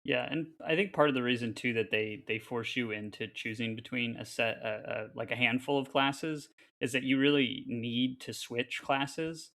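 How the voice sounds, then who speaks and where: A man's voice: medium pitch, normal speed, fairly bright tone. A man talking as a podcast panelist, thoughtfully explaining in casual chat with many ums.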